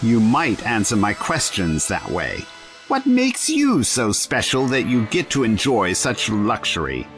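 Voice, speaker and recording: A man in an audio drama playing a quick-witted, righteous adventurer, sardonic and theatrical. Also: lowish voice, wildly swooping pitch, a bit bright, soft background music, heavily acted. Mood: accusing. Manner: wry, sarcastic, theatrical.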